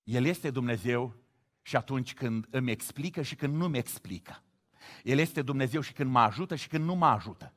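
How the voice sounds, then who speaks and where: A middle-aged man from Romania preaching a sermon, moving from quiet reflection to loud exclamations. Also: medium pitch. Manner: animated, swings from hushed to loud exclamations.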